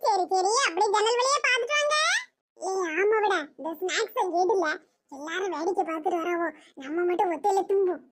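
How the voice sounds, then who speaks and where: A woman voicing a sly, greedy little village boy in a cartoon, speaking in a hushed, scheming way. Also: very high-pitched, expressive, normal speed, background noise.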